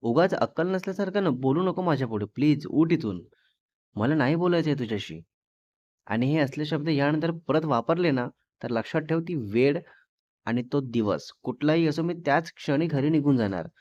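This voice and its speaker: A man's voice: a little high, animated, moderate pace, darkish tone, lightly acted. A man reading a fiery, bossy young wife. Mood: angry. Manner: scolding, bossy. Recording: dull dry lo-fi recording.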